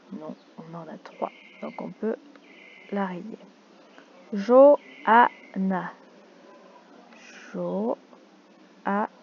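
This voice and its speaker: A woman teaching young children in a slow, deliberate way, stretching out key words and syllables. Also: medium pitch, slightly rough, lo-fi sound.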